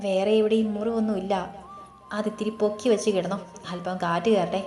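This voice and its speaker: A woman's voice: mid-range voice, steady tone, a little fast, darkish tone, lightly acted. A woman voicing a protective, short-tempered young husband in an audio romance story, by turns scolding and caring. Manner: scolding then soothing. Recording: roomy echo.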